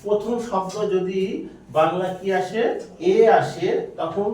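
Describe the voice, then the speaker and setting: Man, teacher, repetitive quizzing, high pitch, very echoey distant recording. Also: fairly even intonation, slow, darkish tone, slight background noise. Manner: quizzing students with repeated questions. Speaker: English grammar teacher. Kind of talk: classroom grammar lesson. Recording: very echoey room, voice from afar.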